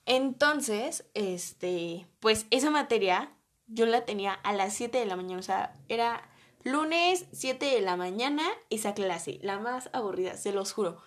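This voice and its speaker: A woman's voice: mid-range voice, animated, measured pace. A young woman with a Mexican accent, telling a story about her college days in a chatty way, full of slang and fillers. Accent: Mexican Spanish. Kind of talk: casual storytime.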